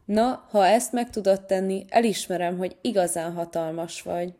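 Cheeky young tomcat in a storybook, lively, teasing big brother, voiced by a woman. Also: medium pitch, close to an everyday voice. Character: cheeky clever young male cat, playful big brother.

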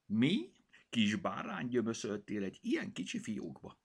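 A man voicing a vain, theatrical mixed-breed house cat in a storybook, with a pompous, drawn-out, mock-dramatic delivery. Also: on the low side, wildly swooping pitch, husky, full character voice.

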